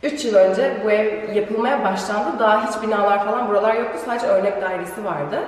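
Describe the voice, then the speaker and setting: A woman's voice: fairly quick, distant mic. A young woman vlogger chatting casually through a home tour, her voice ringing with a heavy cave-like echo from the bare rooms. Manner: chatty, talks while walking through rooms. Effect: heavy cave-like echo of an empty house. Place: large empty apartment indoors. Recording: booming echo in a bare house, from off-mic.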